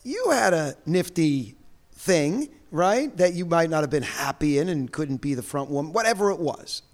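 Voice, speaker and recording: A man's voice: on the high side, lively intonation, normal speed. A man interviewing a band, teasing and joking as he asks questions. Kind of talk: casual interview.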